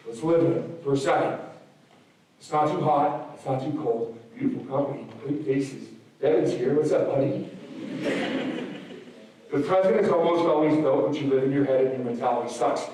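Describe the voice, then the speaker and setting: Slightly hoarse guy hyping up a school assembly, kinda high voice, big echo from far off. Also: moderate pace, pauses often. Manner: energetic, swings between loud peaks and soft asides. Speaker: motivational speaker. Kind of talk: motivational school assembly speech. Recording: very echoey hall, recorded from afar.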